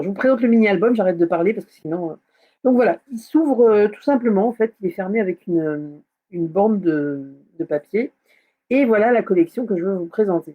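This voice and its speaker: A woman's voice: medium pitch, husky. Chatty woman hosting a craft live stream. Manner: chatty, hesitant with many fillers, greets viewers. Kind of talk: casual live craft tutorial. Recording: slightly dull lo-fi sound.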